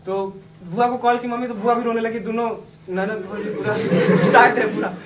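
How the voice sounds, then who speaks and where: A man's voice: very high voice, fairly even intonation, moderate pace. A young man telling a class the personal story of his exam success, chatty and laughing often as he talks. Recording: echoey room, distant mic, background noise.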